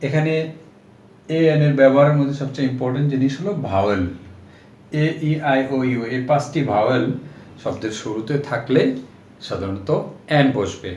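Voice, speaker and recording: A man's voice: mid-range voice, moderate pace, pauses often, lo-fi sound. Bangladeshi man wrapping up a lesson. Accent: Bangladeshi Bengali. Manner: warm, addresses students as friends. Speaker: English teacher. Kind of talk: lesson recap and sign-off. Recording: roomy echo, faint noise.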